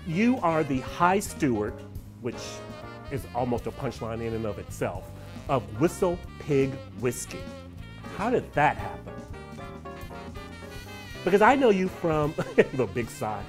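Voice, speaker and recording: A man's voice: mid-range voice, very animated, a little slow, pauses often, music in the background. A man hosting a casual interview, joking and teasing his guest, laughing often. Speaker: interviewer host. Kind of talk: casual chat.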